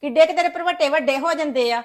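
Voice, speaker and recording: Actress as a sharp-tongued mother-in-law in a web drama, high voice, reproachful, nagging. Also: fast, lightly acted. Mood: scolding. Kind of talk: web series family drama acting.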